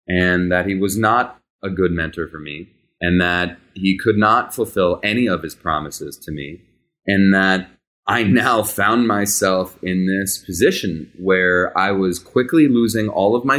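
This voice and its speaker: A podcast host in his thirties, a native Hebrew speaker, tells a personal story candidly and conversationally. His voice is lowish with a fairly bright tone, and his tempo shifts between rushed and drawn out.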